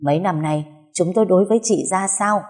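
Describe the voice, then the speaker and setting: A woman's voice: lowish voice, animated, moderate pace, warm tone, husky. A woman voicing a stern older patriarch who scolds in harsh, berating tones. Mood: enraged.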